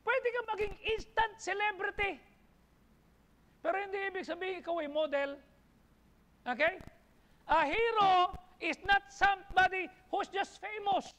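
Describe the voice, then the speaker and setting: With an extremely high-pitched, fairly bright voice, this Filipino-accented pastor delivers his sermon in a blend of Tagalog and English. He stacks up emphatic, rising lists, and the church hall gives the audio a long reverb.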